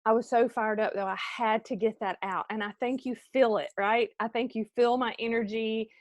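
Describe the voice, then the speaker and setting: A middle-aged woman, giving an animated motivational talk to her team on a live video and calling out viewers by name. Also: on the high side, moderate pace, dry recording. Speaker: team leader.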